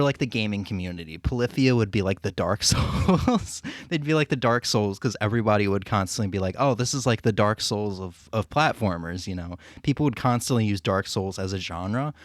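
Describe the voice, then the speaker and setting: Casting: male streamer, lowish voice, loose hesitant rambling chat, close dry mic. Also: no room sound. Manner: rambling, hesitant, profanity-laced. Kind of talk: casual chat to a stream audience.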